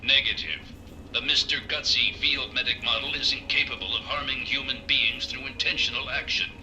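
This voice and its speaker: A man voices a malfunctioning male robot field medic for a video game, glitching and reporting errors in flat, clinical machine announcements through a robotic filter. His mid-range voice moves at normal speed. He sounds far from the mic, and the low-quality recording carries a little hiss or hum.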